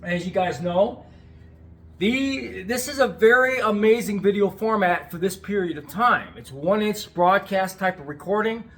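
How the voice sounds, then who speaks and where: A man's voice: sits high, unhurried. A middle-aged American man giving a casual, rambling vlog update as a restorer, enthusiastic and often repeating himself. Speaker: video tape restorer and channel host.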